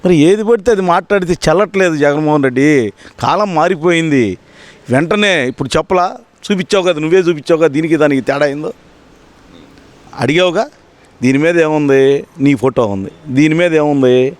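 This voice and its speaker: Brief: man, fiery and sarcastic, fairly high voice, dry close sound. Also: animated, fairly quick, dry recording. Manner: combative, sarcastic, rhetorical questions. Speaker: member of the public giving his opinion. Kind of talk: heated political street interview.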